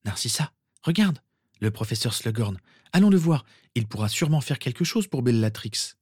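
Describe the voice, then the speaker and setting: A man's voice: mid-range voice, lively intonation, moderate pace, a little mellow, slightly rough, dry recording, studio quality, voice pushed up. A man voicing an eager, pleading teenage girl in a story reading.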